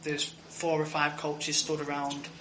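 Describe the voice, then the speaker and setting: A man's voice: a little high, monotone, measured pace, noisy background. A man talking earnestly as a podcast guest, outdoors by a lake, often restarting his sentences. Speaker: guest, father. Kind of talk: casual chat. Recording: echoey outdoor sound with clear ambience.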